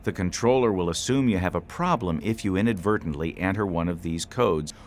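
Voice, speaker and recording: Sitting low in pitch, this male instructor's voice delivers a training video's scripted narration in a steady, explanatory way.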